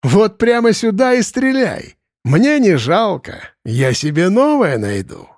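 A man's voice: on the high side, big pitch swings, moderate pace, darkish tone, no echo, clean studio sound. A man voicing a mocking, shapeshifting bird spirit that has taken over a boy's body, in an audiobook. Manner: sneering, taunting. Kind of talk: audiobook character voice.

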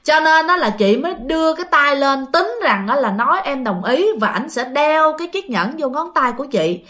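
Bright, lively Southern Vietnamese woman storyteller. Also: sits high, normal speed. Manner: chatty, addresses listeners directly. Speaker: ghost story narrator. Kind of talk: casual spoken storytelling.

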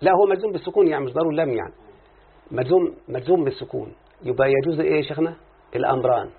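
A man's voice: on the high side, racing, husky. A man with an Egyptian Arabic accent teaching a grammar lesson, explaining with examples and often checking that the listener follows. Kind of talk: classroom lesson. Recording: phone-like muffled lecture recording.

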